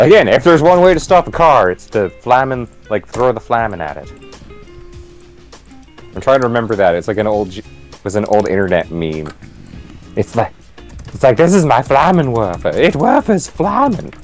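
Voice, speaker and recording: A man's voice: fairly low pitch, animated, moderate pace, pauses often, faint music behind. Rambling chatty man playing a game. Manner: rambling, many "like" fillers and restarts, laughs often. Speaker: let's play co-host. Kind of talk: casual gaming commentary.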